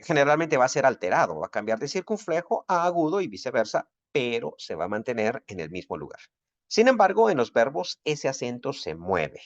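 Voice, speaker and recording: A man's voice: on the low side, no room sound, dull audio. A man teaching a recorded Bible Greek lesson, explaining grammar rules patiently and methodically.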